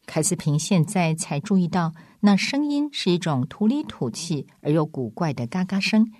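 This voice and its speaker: A woman reads a storybook aloud, dramatic and expressive, with a lively, swinging pitch from a lowish base. The recording is dry and close with no room sound. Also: moderate pace, no echo. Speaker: audiobook reader. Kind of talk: storybook narration.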